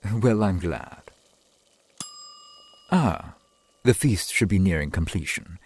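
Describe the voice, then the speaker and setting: In an ASMR roleplay, a man plays a doting, formal vampire boyfriend centuries old. His low, husky, breathy voice moves in unhurried, lilting phrases with wide pitch swings and lively intonation, heavily acted with old-world courtesy and archaic, gently attentive wording.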